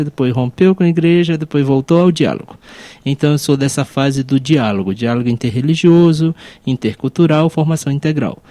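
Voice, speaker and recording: A man with a Brazilian accent, a priest who co-hosts a podcast and advises a university chaplaincy, explains things reflectively and conversationally. His mid-range voice is mellow, with no room sound.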